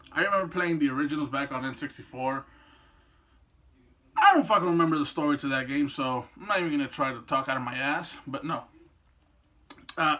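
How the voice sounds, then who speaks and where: Speaking in a fairly high, pushed, bright voice, a twenty-something video host gives rambling, opinionated commentary on films and games, with plenty of swearing.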